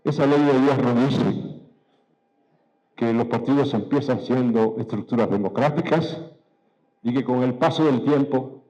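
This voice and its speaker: A man giving a political speech to party members, measured and emphatic, posing rhetorical questions and repeating key phrases. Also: medium pitch, mellow, dull audio. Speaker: political speaker.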